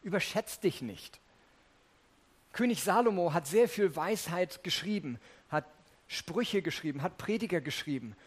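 A man's voice: high voice, expressive, moderate pace, slightly rough. A man preaching a sermon in a conversational way, speaking directly to his listeners and reading scripture aloud.

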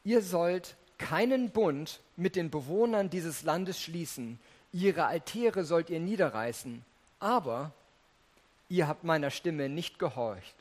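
A man preaching a sermon in a conversational way, speaking directly to his listeners and reading scripture aloud. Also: on the high side.

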